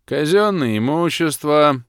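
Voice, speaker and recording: A man voicing a pompous, dutiful male city guard who gives drawn-out, insistent orders. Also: mid-range voice, big pitch swings, dry recording, studio quality, voice pushed up, natural voice.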